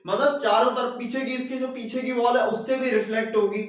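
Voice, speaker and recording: A male teacher giving a classroom lecture with a Hindi accent, repeating phrases and checking in with his class, slowing down to dictate notes. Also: very high voice, steady tone. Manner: repeats phrases, keeps asking "ठीक है"; slows down while dictating notes. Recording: very echoey room, mic far off.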